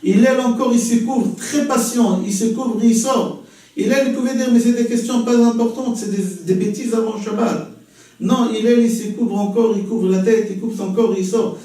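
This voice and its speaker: High-voiced man telling a story in an echoing room. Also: normal speed, distant mic. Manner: lively, animated storyteller. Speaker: teacher. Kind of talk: storytelling lesson. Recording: very echoey room, voice from afar.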